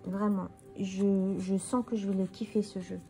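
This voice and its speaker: Her medium-pitched voice is mellow, measured, and barely moves in pitch, with soft music playing underneath. A tired tarot card reader, she casually presents her deck and thinks out loud while turning the cards.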